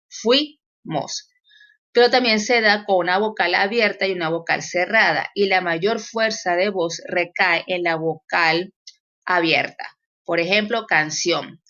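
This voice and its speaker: A woman's voice: medium pitch, a bit bright, dull audio. A woman teacher explaining grammar in a recorded lesson, with fillers and self-corrections.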